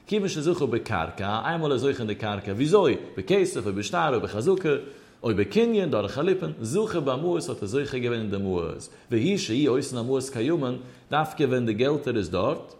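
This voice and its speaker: A man gives a traditional study lecture on religious law in a lilting chant, his pitch climbing and dropping. He poses questions and answers them himself. His voice sits at an ordinary middle pitch. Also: expressive, brisk, a little mellow. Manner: sing-song, rising and falling study chant.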